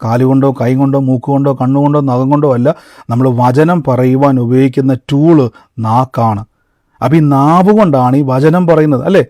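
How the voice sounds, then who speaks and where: A man's voice: mid-range voice, fairly even intonation, normal speed, darkish tone, no echo, clean studio sound. A man preaching a conversational sermon, telling a personal testimony and calling his listeners brother and beloved. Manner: storytelling, addresses listeners as brother and beloved, mixes in English words.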